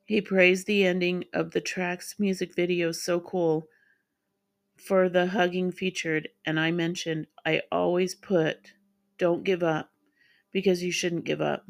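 A middle-aged woman hosting her own podcast, speaking in a halting, heartfelt way as she gets emotional. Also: on the low side, little pitch movement, vocal fry. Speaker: podcast host. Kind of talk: emotional solo podcast tribute.

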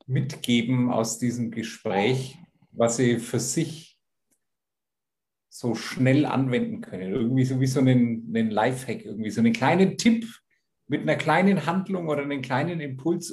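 A man's voice: medium pitch, moderate pace, darkish tone. A man hosting a podcast interview, asking long, rambling questions with restarts. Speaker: podcast host.

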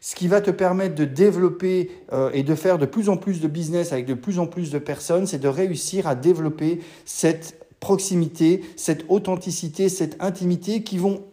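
Man, podcast host, solo casual talk, hesitant restarts, slightly high mellow voice. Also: normal speed, hardly any pauses. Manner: casual, many fillers and restarts.

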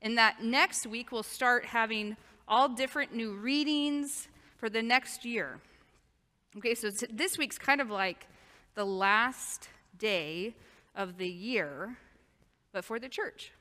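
A woman's voice: on the high side, takes it slowly, bright, forceful tone. A woman pastor giving a sermon in plain, explanatory language in a large church. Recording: reverberant church hall.

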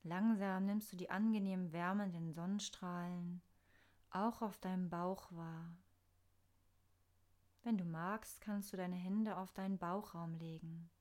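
A woman narrating a scripted guided meditation in a soft, soothing, unhurried manner with pauses. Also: fairly low pitch, fairly even intonation.

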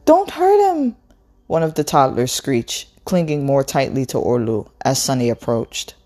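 A woman reading a novel aloud in a slow, expressive storytelling way. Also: extremely low pitch. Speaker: book reader.

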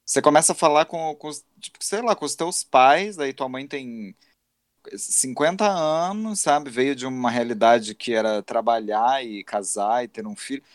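A man in his thirties with a Brazilian Portuguese accent co-hosts a relaxed podcast conversation, his mid-range voice moving at a moderate pace. He comes across as reflective and hard on himself, frequently starting sentences over. The recording is dry and studio-quality.

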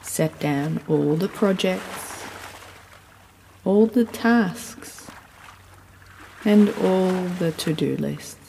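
A woman giving soothing, unhurried sleep story narration, gently guiding the listener through relaxation. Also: on the low side, vocal fry. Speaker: guided sleep meditation narrator. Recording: long reverb, audible background noise.

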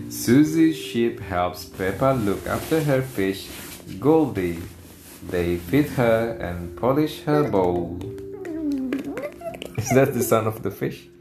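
A man's voice: on the low side, animated, takes it slowly. A man reading a children's story aloud and addressing young viewers in simple words, like a kids show host. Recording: echoey room with music. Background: guitar music.

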